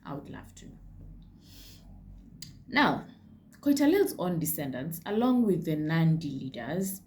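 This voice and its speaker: A woman's voice: low voice, sing-song, a little slow, a little mellow. A Kenyan woman hosting a casual history vlog, chatty, with frank asides and slips into Swahili. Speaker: history channel host.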